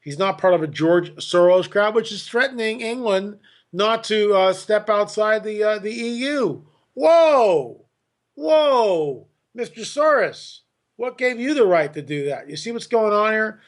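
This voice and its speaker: Emphatic man with a high voice. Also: normal speed. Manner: emphatic, repeats words, mimics others mockingly. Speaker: podcast guest. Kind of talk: opinionated podcast talk.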